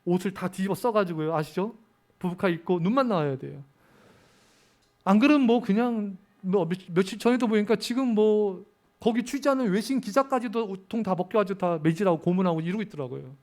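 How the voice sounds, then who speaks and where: High-voiced fervent male preacher. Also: expressive, a little mellow. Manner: fervent preaching, repeated appeals to the congregation, slows and swells on key phrases. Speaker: pastor. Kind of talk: sermon.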